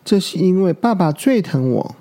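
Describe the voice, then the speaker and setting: A man's voice: high-pitched, animated, moderate pace, dark tone, voice pushed up. Man doing a smug little baby ankylosaur. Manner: smug, bragging.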